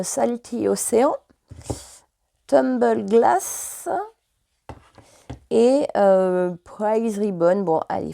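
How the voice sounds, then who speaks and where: A woman's voice: medium pitch, gravelly, dark tone, no echo, studio quality. A French woman vlogger chatting casually and hesitantly, full of fillers, while showing her purchases. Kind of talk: casual chat.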